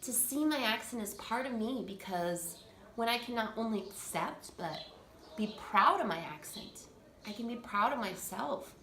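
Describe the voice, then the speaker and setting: A woman in her thirties, a language coach and native English speaker, earnestly shares her thoughts in a personal vlog, restarting as she goes. Her voice is slightly high and a bit bright, recorded in an echoey room with faint ambience and a little hiss or hum.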